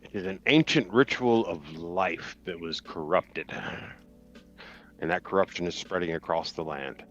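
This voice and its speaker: A man playing in a tabletop game, speaking in character slowly and thoughtfully and humming before he answers. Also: sits low, fairly bright tone, muffled recording. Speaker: player.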